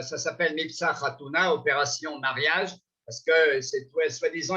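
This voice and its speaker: A man's voice: on the high side, sharp tone. An older man with a French accent, telling his life story in a lecture, conversational and full of hesitations. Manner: conversational, many hesitations and restarts. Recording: dull lo-fi recording.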